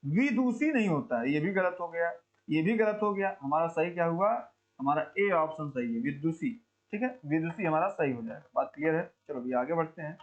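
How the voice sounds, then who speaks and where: A man teaching an exam coaching lesson, quizzing students and slowly repeating words to drill pronunciation, chatty and calling listeners brother. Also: on the high side, expressive. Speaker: Hindi teacher.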